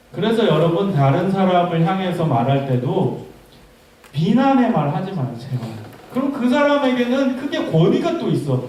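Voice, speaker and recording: Animated pastor in an echoey hall. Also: male voice, high voice. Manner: lively, joking with the congregation. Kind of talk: youth sermon. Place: church hall. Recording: echoey hall recorded from far off.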